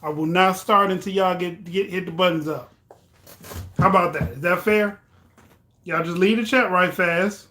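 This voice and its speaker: A man's voice: high voice, normal speed, bright, forceful tone. A tipsy man hosting a casual livestream, chatting to viewers in a loose, rambling way and repeating himself. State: tipsy from drinking. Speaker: livestream host. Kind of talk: casual live chat with viewers.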